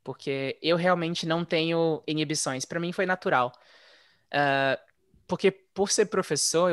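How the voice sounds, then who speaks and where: A man telling his story in a relaxed, chatty way, as a guest in a casual interview. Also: fairly high pitch, dry recording, clean studio sound. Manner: relaxed, chatty, frequent "né?" tags. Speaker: interview guest, former English teacher living abroad.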